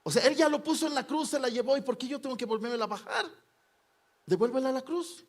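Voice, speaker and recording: A man preaching a sermon with passion. His delivery swings between loud climbs and hushed drops, and he keeps asking his listeners rhetorical questions. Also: very high-pitched, fast.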